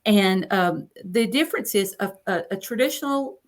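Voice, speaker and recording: With lively intonation and a moderate pace, a fifty-something female coach tells chatty stories about being interviewed, repeating phrases for emphasis. Her voice sits at a medium pitch.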